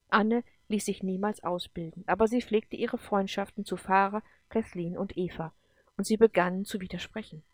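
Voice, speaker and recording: A woman reading a science fiction story aloud in a steady, even storytelling manner. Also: mid-range voice, no room sound. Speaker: narrator. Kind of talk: audiobook reading.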